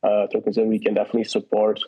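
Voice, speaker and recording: A guest from a partner project answers questions on an online audio call, his low voice monotone, racing, and slightly rough. He sounds hesitant, restarting often and using many fillers, and the call audio is dull and lo-fi.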